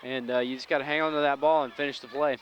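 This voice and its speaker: A man calling plays at a local high school football game in an easygoing, upbeat way. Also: steady tone, fast talker, dull audio, a little hiss or hum. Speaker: football play-by-play announcer.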